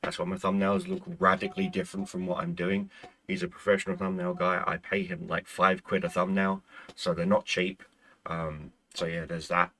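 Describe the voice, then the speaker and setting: Losing his voice, this Irish-first-language gaming host rambles casually with his viewers and trips over restarts. He speaks in a low, steady tone at a moderate pace, with a pushed, bright quality to his voice.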